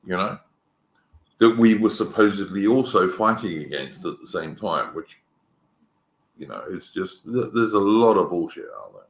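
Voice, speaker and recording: In an echoey room, a podcast co-host with a low, expressive voice talks at normal speed through a casual political chat. He's opinionated and rambling and frequently starts his sentences over.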